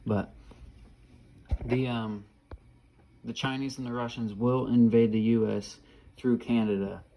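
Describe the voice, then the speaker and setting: A man's voice: mid-range voice, steady tone, a little slow, creaky, mellow, a little hiss or hum, low-quality recording. A man vlogging about his dreams in a casual, rambling monologue, hesitant with many fillers and restarts, yet earnest and insistent.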